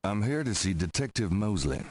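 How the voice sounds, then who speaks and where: An actor playing a cool, inquisitive adventure game hero with a casual drawl. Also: male voice, on the low side, sing-song, moderate pace, darkish tone, no echo. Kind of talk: video game voice acting.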